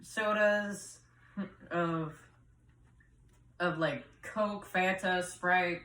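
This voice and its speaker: Slow, deadpan young man. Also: high voice. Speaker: co-host. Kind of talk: casual chat. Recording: roomy room, distant mic.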